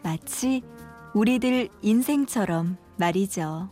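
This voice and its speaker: A woman reading scripted documentary narration in a gentle, measured voice-over. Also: mid-range voice, animated, faint music behind.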